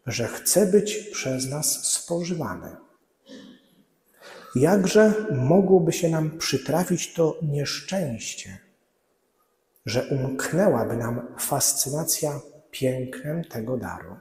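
Slow-preaching man in an echoing church. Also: mellow. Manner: slow, measured preaching with drops to a low voice at quotations. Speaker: priest. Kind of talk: Lenten sermon. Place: large church, at the altar lectern. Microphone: far camera. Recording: echoey church reverb.

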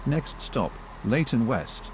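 A man reading scripted train announcements in a formal, measured manner. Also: mid-range voice, big pitch swings, noisy background.

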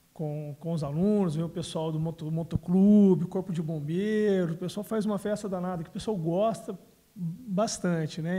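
A man's voice: fairly high pitch, warm tone. A man, answering interview questions into a handheld microphone, often adding tag words. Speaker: city council president. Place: indoors, small room.

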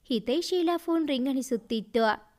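A woman's voice: high voice, expressive, normal speed, darkish tone. A woman narrating a romantic family story as a channel's storyteller, reading steadily.

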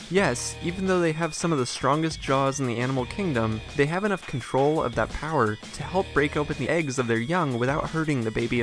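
A man's voice: medium pitch, a bit bright. Upbeat man narrating an animal-facts video. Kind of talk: scripted educational narration.

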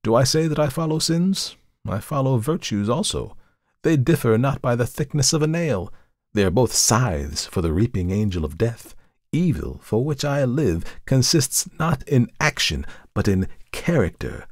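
A man voicing a calm, knowing male visitor who judges a murderer in a measured, coolly insistent way, in a dramatic audiobook reading. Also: mid-range voice, no echo, studio quality. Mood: lecturing.

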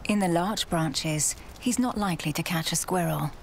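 A woman with a somewhat low-set voice reads nature documentary narration. Her delivery is measured, like storytelling from a script. Faint outdoor ambience sits behind her words. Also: gravelly, slight background noise.

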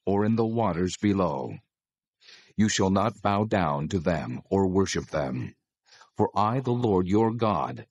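An actor playing God as a solemn, commanding lawgiver in dramatized scripture, speaking in a measured, authoritative way with a husky voice. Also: male voice, lowish voice, darkish tone, no echo.

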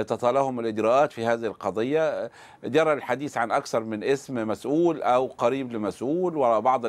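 A man from Egypt, a newspaper editor, answering in a formal, measured way with hesitant fillers during a live interview. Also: medium pitch, a little mellow. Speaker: newspaper editor, studio guest.

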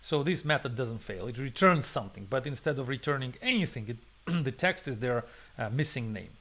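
A man hosting a programming webinar thinks aloud through a live coding demo, with lots of fillers, restarts and non-native phrasing. His medium-pitched voice is expressive, brisk and a bit bright.

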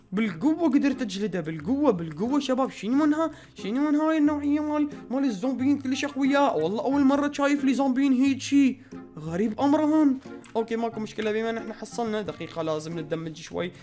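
A man with an Iraqi accent giving excitable let's-play commentary, exclaiming and repeating words as he plays. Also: extremely high pitch. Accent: Iraqi Arabic. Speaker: gaming channel host.

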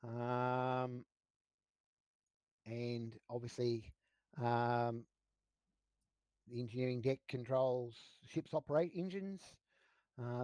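A man's voice: medium pitch, a little mellow, no echo. A man runs a tabletop game session over voice chat, feeling his way through each sentence with restarts and fillers. His voice sits in a middle register and the recording is dry, with no room sound. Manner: halting, many restarts and fillers. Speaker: game master.

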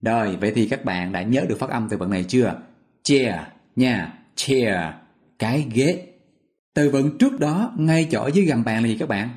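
Male teacher, mid-pitched, patient and repetitive, walks learners through each word. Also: expressive, brisk, a little mellow. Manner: patient, repetitive, asks listeners questions. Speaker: English vocabulary teacher. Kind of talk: explaining memory tricks step by step.

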